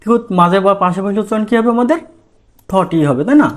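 A man from Bangladesh teaches a language lesson in Bengali, answering the very questions he asks. He talks fast in a high voice.

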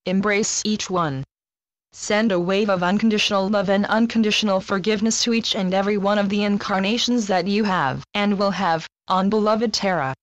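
A woman narrating a scripted guided meditation in a slow, soothing spiritual-guide manner with deliberate pauses. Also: medium pitch, no room sound, dull audio.

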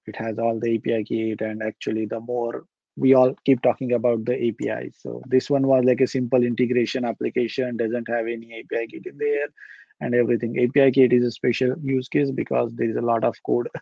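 A young man presenting a live software demo at a meetup over a video call, talking casually and thinking aloud with fillers. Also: medium pitch, creaky, slightly rough, no room sound, dull audio. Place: indoor room.

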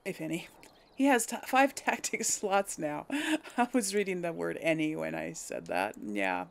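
This woman's lowish voice is very animated yet unhurried, with vocal fry. Hosting a role-play playthrough, she gives casual game commentary addressed to viewers, musing, wavering and revising her words as she goes.

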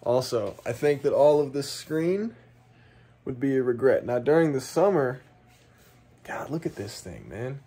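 A young man casually walking through his camping gear in a home basement, talking to a handheld phone camera in a relaxed, chatty way. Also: mid-range voice, a little slow, breathy edge. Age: young adult. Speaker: outdoor gear vlogger. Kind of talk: casual vlog walkthrough. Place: home basement room, indoors. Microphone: phone camera held close.

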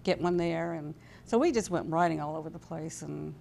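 She speaks briskly in a low, creaky, slightly mellow voice. A woman in her sixties from California with an American accent, she's a guest at a desk in a TV studio, casually and hesitantly sharing memories into a lapel mic, with slight background noise present.

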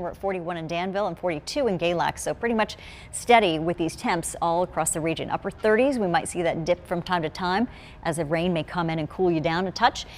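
Brisk middle-aged woman giving a TV weather forecast. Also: fairly low pitch. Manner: brisk, gesturing at maps while explaining. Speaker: TV meteorologist. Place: TV studio in front of a weather wall.

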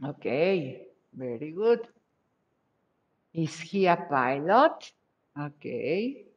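A woman's voice: low-pitched, sing-song, very slow. A woman English teacher from Mexico, checking answers in an online class with patient, repeated praise. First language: Spanish. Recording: dull lo-fi video call audio.

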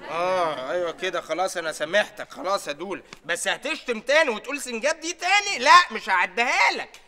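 A chirpy, dim Egyptian joker. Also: male voice, high voice, expressive, pushed and bright, heavily acted. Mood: playful. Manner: fast, chirpy, jokey. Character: dim-witted boastful young man, cheerful and teasing. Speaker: bazaar worker. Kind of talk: sitcom acting. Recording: sitcom studio with laugh track.

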